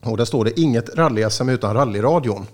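Joking, stammering Swedish radio host, male. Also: mid-range voice. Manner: joking, laughs often, halting restarts. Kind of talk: casual studio banter.

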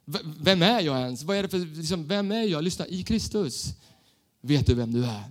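A man in his thirties preaching a sermon, telling self-mocking stories in an animated way. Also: on the high side.

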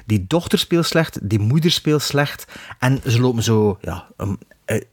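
A Flemish man co-hosting a film podcast, sharply critical and emphatic, often breaking off and starting his sentences over. His voice sits at an ordinary pitch for a man. The recording is dry, with no room sound around him. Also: animated, unhurried, a little mellow, husky, no room sound. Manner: critical, emphatic, many restarts. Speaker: podcast co-host. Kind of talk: casual film discussion.

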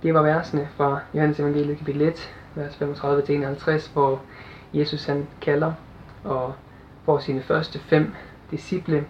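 An earnest young man preaches and reads scripture, pausing and restarting his thoughts as he goes. His voice sits a little high and stays flat in pitch. The recording sounds dull and lo-fi, with a faint noise behind it. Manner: earnest, halting with fillers and restarts. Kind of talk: sermon with Bible reading.

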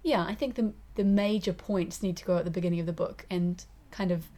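A woman's voice: fairly low pitch, fairly even intonation, a little fast, warm tone, slight background noise. A woman with a New Zealand accent co-hosting a podcast, giving frank, opinionated opinions in casual chat. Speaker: podcast co-host.

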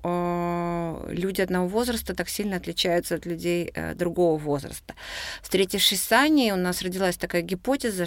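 A woman in her fifties co-hosting a podcast, talking in a measured, thoughtful way with frequent pauses. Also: mid-range voice, no room sound. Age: 50s. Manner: measured, thoughtful, many hesitations. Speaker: podcast co-host. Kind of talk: casual podcast conversation.

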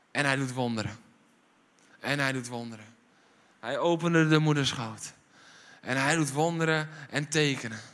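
Bright-voiced Dutch pastor preaching with urgency. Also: male voice. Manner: emphatic preaching with repeated refrains; swings from low intensity to raised, urgent delivery. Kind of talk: sermon. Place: church service.

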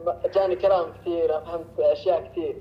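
A man's voice: fairly high pitch, fairly even intonation, very fast. A man calling in to ask for advice, speaking hesitantly and checking in with short questions. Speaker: caller asking for advice. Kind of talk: casual chat. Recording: dull lo-fi call with faint noise.

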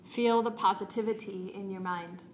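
A woman yoga teacher leading a guided meditation in a calm, meditative, unhurried tone. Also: medium pitch. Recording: roomy echo, faint background noise.

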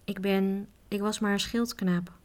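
Woman reading modest teen squire, quiet, flat, earnest. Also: mid-range voice, a little slow, lightly acted. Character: earnest teenage boy squire, sleepy and modest.

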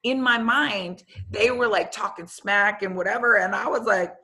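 Bright-voiced woman telling coaching stories. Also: medium pitch, normal speed. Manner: animated, acts out quoted dialogue. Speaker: football coach. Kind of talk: casual interview storytelling.

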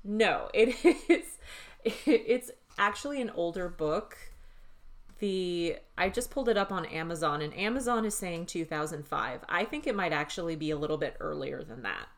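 A woman's voice: fairly low pitch, animated, moderate pace. A woman in her thirties co-hosting a podcast, talking casually and candidly, laughing often and swearing freely. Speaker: podcast co-host. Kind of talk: casual chat.

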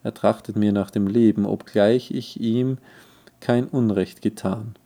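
A frightened young prince in a storybook reading, voiced by a man, fearful and pleading. The voice rises slightly above the narrator's dark, slow tone. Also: lowish voice, fairly even intonation, gravelly.

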